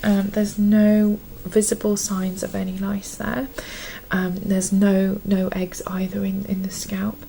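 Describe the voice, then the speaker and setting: A woman doing an ASMR role-play as a gentle, calm nurse, speaking in a soft, breathy half-soft voice with a reassuring manner. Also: medium pitch, takes it slowly, slight background noise, low-quality recording. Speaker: ASMR performer playing a nurse.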